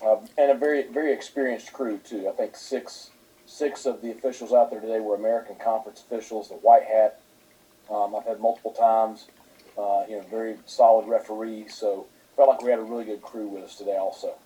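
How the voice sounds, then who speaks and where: Brief: male head coach at a press conference, low husky voice, halting with lots of fillers. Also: steady tone, dark tone, poor audio.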